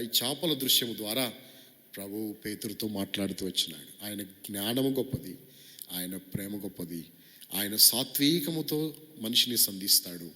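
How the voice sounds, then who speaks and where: A man preaches with fervor, his voice rising to urgent calls and dropping to quiet pleading. His tone is bright and forceful, and long reverb from a large hall trails after every phrase. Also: medium pitch. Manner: impassioned preaching, swinging between loud exhortation and hushed pleading. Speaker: pastor. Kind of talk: sermon and prayer.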